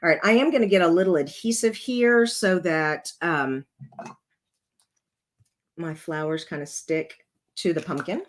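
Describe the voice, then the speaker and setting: In a casual card-making tutorial, the host talks through each step as she crafts, her voice rough and congested. She's a woman on the low side in pitch, speaking a little slowly with long pauses.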